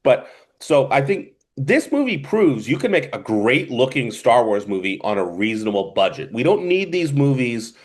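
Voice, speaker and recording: A man's voice: mid-range voice, very animated, moderate pace. A man with a New Jersey accent co-hosting a casual film review podcast, rambling in a stop-and-start way. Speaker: podcast co-host.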